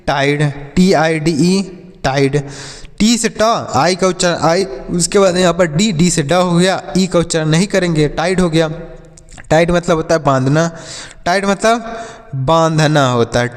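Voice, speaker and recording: A man teaching English pronunciation to children in a slow, repetitive way, spelling words out letter by letter. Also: on the high side, in a large hall.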